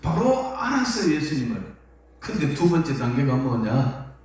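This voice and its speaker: A male pastor preaching a sermon in an emphatic, animated way, repeating key phrases. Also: mid-range voice, normal speed. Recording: echoey hall from far off.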